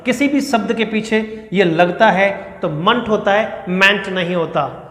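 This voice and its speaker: A man teaching an exam-prep English pronunciation lesson, drilling words slowly and repeating them, asking questions and answering them himself. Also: sits high, a bit bright. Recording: echoey room with long reverb.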